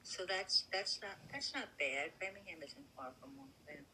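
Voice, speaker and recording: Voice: medium pitch, normal speed, sharp tone, slight background noise. An older person in their seventies from the New York area with a faint New York accent, chatting casually on a phone call in a rambling, amused way. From New York City area. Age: 70s. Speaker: caller.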